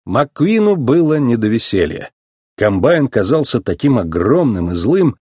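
A man narrating a children's storybook aloud in an expressive, animated way, with a husky voice. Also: medium pitch, unhurried, dry recording, studio quality. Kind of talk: storybook reading.

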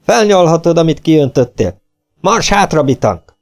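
A man's voice: on the high side, big pitch swings, darkish tone, soft background music, voice pushed up. A man reading an audiobook, voicing a cruel, bellowing male chaplain who barks insults at prisoners in a raised voice. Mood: bellowing cruelly. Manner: barking insults.

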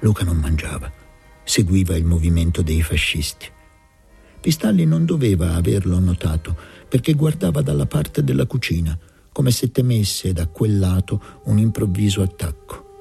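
A man narrating a novel aloud in a measured, expressive reading. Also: sits low, creaky, breathy edge, faint music behind. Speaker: audiobook reader. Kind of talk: literary audiobook narration.

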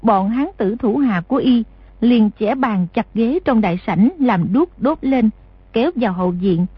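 A woman narrating an audiobook in a steady, measured reading voice. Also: on the high side, slightly rough, no room sound, dull audio. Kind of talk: scripted narration.

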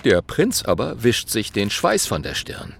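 Guy reading a kids' story, lively, slow, slightly gravelly. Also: fairly low pitch, a little hiss or hum. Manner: lively, voices many characters. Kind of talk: children's audiobook narration.

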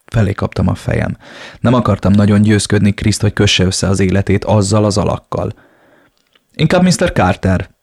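A man reading a novel aloud in first person, with a steady storytelling manner. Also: on the low side, gravelly, breathy edge, no room sound, studio quality. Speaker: audiobook reader.

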